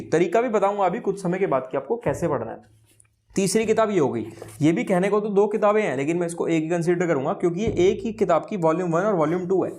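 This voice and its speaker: A man's voice: a little high, darkish tone. A young man giving exam preparation advice as a tutor, earnest and repeating his promises.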